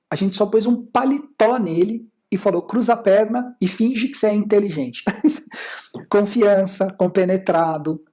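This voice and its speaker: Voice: mid-range voice, mellow. A speaker with a Brazilian Portuguese accent gives a lecture over slides as a communication and sales instructor, explaining points and asking and answering their own rhetorical questions.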